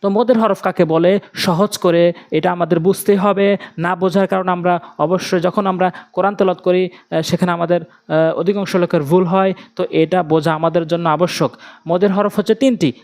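A man with a Bangladeshi Bengali accent teaching Quran recitation, drilling syllables slowly and stretching the vowels. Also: high-pitched, steady tone, darkish tone. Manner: quick, plain explanations with many fillers. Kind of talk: step-by-step recitation lesson.

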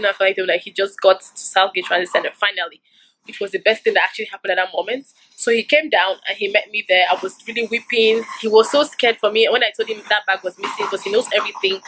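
A young woman vlogger retelling a stressful robbery story in an emotional, animated way, with many asides. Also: medium pitch, a little hiss or hum, rough recording. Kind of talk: storytime vlog.

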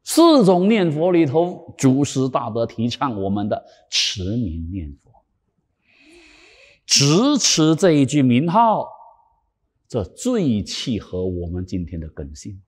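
A man with a raspy, cracked voice giving a Buddhist sermon, swinging from loud emphatic lines to hushed whispered asides. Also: medium pitch, huge pitch swings, takes it slowly. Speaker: Buddhist dharma teacher. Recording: long hall reverb.

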